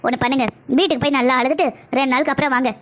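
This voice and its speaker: A woman voicing a busy female doctor in a cartoon, talking in a brisk, commanding but reassuring way. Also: high-pitched, fairly even intonation, natural voice. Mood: stern reassurance. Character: calm, firm female doctor, a busy pediatrician. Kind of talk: cartoon voice acting.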